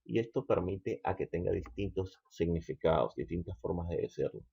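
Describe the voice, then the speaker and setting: A man teaching English grammar, slow and patient, checking in with the listener again and again. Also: low-pitched, expressive, gravelly, breathy edge, dull audio. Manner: slow, patient, repeats "¿ok?" often. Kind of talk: explaining grammar.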